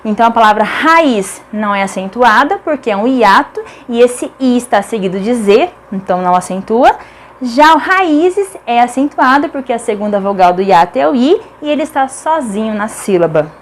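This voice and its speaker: Brazilian lady teacher, bit high voice, super emphatic, keeps repeating words and asking why. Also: lively intonation, moderate pace. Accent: Brazilian Portuguese. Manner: emphatic, repeats key words, asks rhetorical questions. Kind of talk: online grammar lesson.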